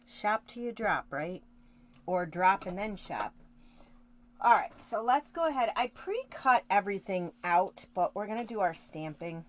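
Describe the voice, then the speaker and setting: A woman with a medium-pitched voice hosts a casual card-making tutorial, chatting with live viewers as she works, wandering into asides and correcting herself. There's slight background noise.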